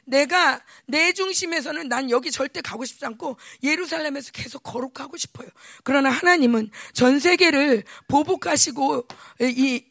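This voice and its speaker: A middle-aged woman preaching a sermon, impassioned, moving between loud pleading and hushed whispers. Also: high-pitched, creaky, no echo, studio quality. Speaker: pastor's wife preaching.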